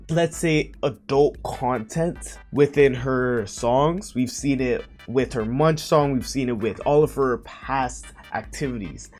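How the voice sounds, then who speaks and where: A man giving casual reaction commentary, earnest and lecturing, slowing down to stress key words. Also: medium pitch, darkish tone. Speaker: online commentator.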